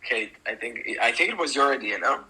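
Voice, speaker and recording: A man's voice: medium pitch, animated, a little fast, pushed and bright, husky, rough recording. A man hosting a casual group voice chat, eagerly affirming others and repeating his praise. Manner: affirming, repeats "amazing" and "yes". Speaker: host.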